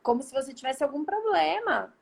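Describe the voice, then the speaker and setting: A woman's voice: sits high, lively intonation, fairly quick, gravelly. A woman in her thirties with a Brazilian Portuguese accent, a therapist telling her story in casual chat with lots of fillers, over a video call. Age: 30s. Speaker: guest therapist.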